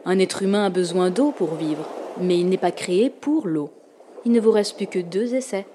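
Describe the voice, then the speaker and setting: A woman voicing a hungry, merciless female sea spirit in a storybook, speaking slowly and menacingly. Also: lowish voice, warm tone, slight background noise, close to an everyday voice. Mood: gloating. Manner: slow, menacing, gloating.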